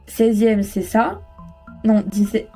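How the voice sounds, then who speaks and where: A woman's voice: medium pitch, slow, warm tone, husky, soft background music. A young woman student chatting casually in a vlog, self-mocking and swearing often, recorded in her bedroom. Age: young adult. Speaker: student vlogger. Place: bedroom at home.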